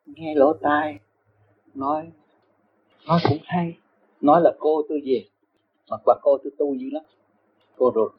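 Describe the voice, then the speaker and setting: A man's voice: a little high, a little slow, long pauses, slightly rough. An older man telling stories of his younger days in a casual interview, rambling and repeating words as he goes. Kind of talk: casual storytelling. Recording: muffled phone-like recording.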